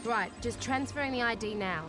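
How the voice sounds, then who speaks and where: A woman's voice: on the high side, normal speed, music in the background, lightly acted. A woman playing a brash, cagey young tech tinkerer in a video game, with a sarcastic, cheeky, slangy delivery. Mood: brisk, bossy.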